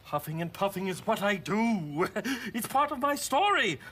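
A puffed-up, boastful big bad wolf for a children's puppet show. The voice is high and sharp, swooping theatrically up and down. Every threat is full of bluster. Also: male voice, very animated, unhurried, breathy edge, heavily acted. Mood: smug, gleeful.

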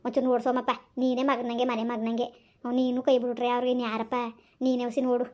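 A woman voicing a steady village woman who firmly comforts and advises a grieving neighbor in a family drama. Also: on the high side, fast talker, voice pushed down, lightly acted. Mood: consoling. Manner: firm, consoling, advising.

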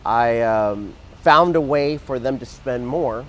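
Speaking slowly at a medium pitch, a Mexican-born, Texas-raised man in his thirties earnestly relates his story as an interview guest, gesturing as he talks and restarting often. The casual interview takes place in an outdoor garden plaza and is picked up by a lapel mic. Audio quality is poor, with a little hiss or hum.

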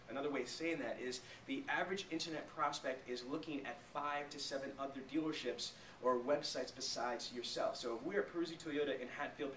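Medium in pitch and a touch bright, a man in his thirties delivers an emphatic sales training talk to a small group, often asking rhetorical check questions along the way. The small meeting room features a flip chart. Audio from a camera mic a few metres off is echoey and distant with faint noise.

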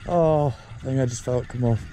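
A man's voice: mid-range voice, moderate pace, warm tone, a little hiss or hum. A man talking to himself and his friend while fishing on a rocky shore, urging the fish on and swearing now and then, heard through a head-mounted camera. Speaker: angler and channel host. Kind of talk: live fishing commentary. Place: rocky sea shore outdoors at night and dawn. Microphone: head-mounted action camera.

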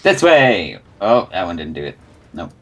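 A man's voice: sits low, big pitch swings, a little slow, crowd noise. A man in casual gaming chat, talking in a blunt, exclamatory way to his friends. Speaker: gamer in a group play session.

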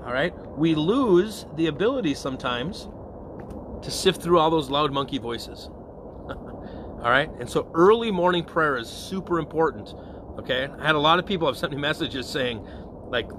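Chatty priest with a fairly high voice. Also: male voice, lively intonation, moderate pace, noisy background. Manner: conversational, often checks in with "okay?" and "all right?". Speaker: parish priest. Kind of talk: informal evening prayer reflection.

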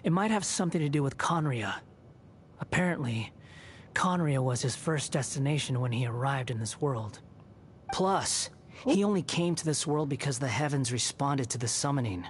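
A man playing an aloof, cynical young former villain in a video game, speaking in a cool, sardonic, deliberate way. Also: mid-range voice, animated, a little hiss or hum, lightly acted. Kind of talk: video game dialogue acting.

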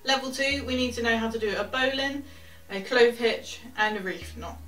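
A young female sailing instructor chats her way through tying knots step by step, murmuring quiet asides as she handles the rope. Her voice runs a little high at a moderate pace, captured close to a camera in a small wooden cabin on a rough recording.

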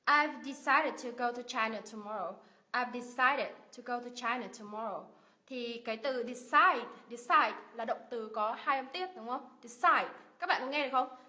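A woman's voice: on the high side, moderate pace, bright, forceful tone. A Vietnamese woman teaching English pronunciation on a livestream, drilling words with strong stress and asking viewers questions. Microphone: livestream mic. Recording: dull lo-fi livestream audio.

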